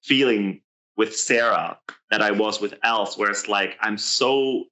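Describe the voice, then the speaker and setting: Speaking at a measured pace, this man has a lowish, bright, forceful voice, captured on a rough recording. He co-hosts a podcast, talking loosely about a reality show, hesitating and starting sentences over again and again.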